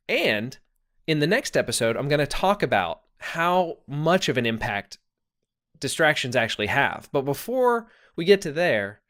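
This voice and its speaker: Rambling dad telling a home story. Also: male voice, medium pitch, a bit bright. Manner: rambling, self-correcting, wry. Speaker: podcast host. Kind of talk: casual storytelling monologue.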